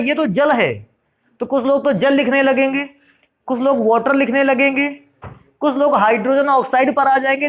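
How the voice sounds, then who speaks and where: A man teaching chemistry who asks his students questions and answers them himself, calling them "beta" and "bhaiya" in a friendly classroom lecture. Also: very high voice.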